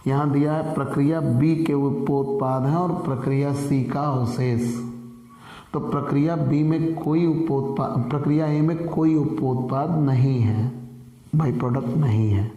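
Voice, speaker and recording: A hoarse man teaches a commerce class in a mellow, dark voice. He repeats himself and quizzes the class, answering his own questions. The room is echoey, with a long reverb tail. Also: medium pitch, fairly even intonation, a little slow, faint music behind. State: sore throat. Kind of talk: classroom lecture.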